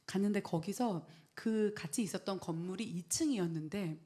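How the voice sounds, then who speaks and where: A middle-aged woman pastor sharing a personal testimony in an earnest, storytelling way, dropping into soft whispers when she quotes her prayers. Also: mid-range voice. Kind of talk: testimony sermon.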